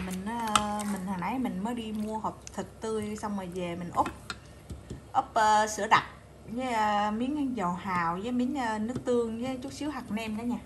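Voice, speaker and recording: A woman's voice: medium pitch, noisy background. A woman chatting casually to her viewers while filming at home, often hesitating and repeating words. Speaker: family vlogger. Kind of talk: casual vlog narration to viewers. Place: home garden outdoors, then kitchen.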